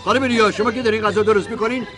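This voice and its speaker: A man's voice: sits high, steady tone, music in the background, lightly acted. A man dubbing a fussy middle-aged householder. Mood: scolding. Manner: scolding then sweetly coaxing. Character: fussy middle-aged male house owner, doting and bossy. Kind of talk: Persian film dub.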